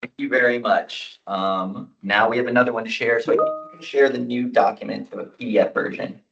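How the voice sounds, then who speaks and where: A man chairing a student meeting who reads a resolution aloud as fast as he can, in a rushed manner. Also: mid-range voice, steady tone, vocal fry, music in the background. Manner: rushed, deliberately fast reading. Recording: distant, dull meeting room audio.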